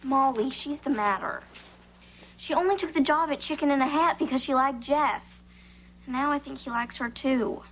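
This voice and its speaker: A woman's voice: high voice, normal speed. An actress playing an earnest, sarcastic teenage girl in a sitcom. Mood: frustrated. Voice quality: sarcastic, wry. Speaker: teenage girl working at a fast-food restaurant. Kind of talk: 1990s sitcom acting. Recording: noisy TV sitcom recording, live audience.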